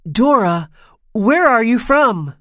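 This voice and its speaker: A woman voicing a friendly young schoolboy in a textbook listening dialogue, speaking slowly and clearly. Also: a little high, no echo, studio quality. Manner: lively, clear, slow. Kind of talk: slow scripted textbook dialogue.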